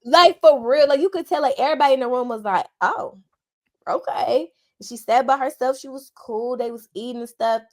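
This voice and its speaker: A woman co-hosting a casual podcast, her voice sitting a bit high. She tells stories with lots of energy, acting out what everyone said. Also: a little fast. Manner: animated, excited retelling with quoted dialogue. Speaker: podcast co-host. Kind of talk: casual chat, storytelling.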